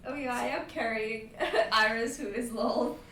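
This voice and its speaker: A woman plays a tabletop game and talks it through in loose, informal chat with some swearing. Her voice sits a little high and comes from away from the mic in an echoey room with faint noise. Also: steady tone, measured pace, fairly bright tone, far from the mic.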